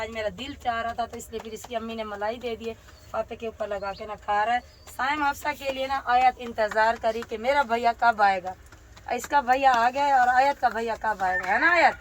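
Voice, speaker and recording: A woman's voice: on the high side, slight background noise. Woman, sore throat; chatty, step-by-step narration of chores, outdoor courtyard with faint ambience. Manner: chatty, explaining each step, often says "jo hai na". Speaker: village family vlogger. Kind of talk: casual narration of household chores. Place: outdoor village courtyard in fog and wind.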